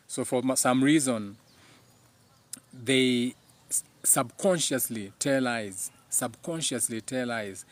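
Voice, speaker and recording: A man with a Kenyan accent, whose first language is Kikuyu, hosts a live talk informally in a mid-range voice. He's emphatic and preachy, often repeating his phrases.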